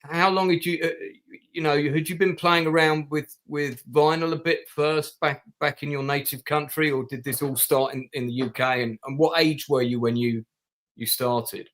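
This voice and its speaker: A man's voice: on the high side, steady tone, normal speed, fairly bright tone. A man from Denmark hosting an interview, asking friendly questions and often repeating words as he starts. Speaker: interview host. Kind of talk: casual interview.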